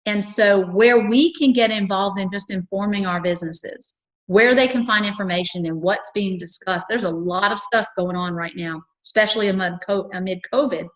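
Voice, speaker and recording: A woman's voice: mid-range voice, normal speed. Upbeat woman, dull lo-fi sound. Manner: earnest, upbeat, with frequent fillers and restarts. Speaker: chamber of commerce representative. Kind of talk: local cable TV interview.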